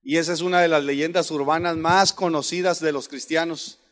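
High-voiced preacher in echoing hall. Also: male voice, steady tone, normal speed, fairly bright tone. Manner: storytelling, asks listeners questions. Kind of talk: sermon with anecdotes. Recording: long hall reverb.

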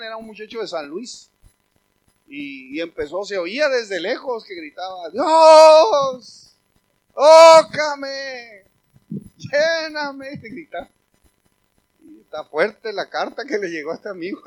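Male pastor, high voice, storytelling sermon, shifts between soft and loud. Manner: storytelling, humorous asides, swings from quiet to loud.

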